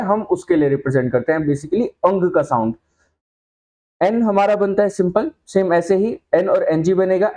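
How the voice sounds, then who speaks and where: A high-pitched man with a dark tone gives a whiteboard explanation in a shorthand class. He takes his time, slowly voicing example sounds and repeatedly asking students whether they're keeping up.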